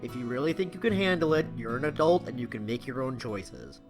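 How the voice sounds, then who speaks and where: A woman's voice: very deep voice, sing-song, a little fast, music in the background, full character voice. A woman playing a practical, concerned roommate in a comedy sketch, speaking matter-of-factly.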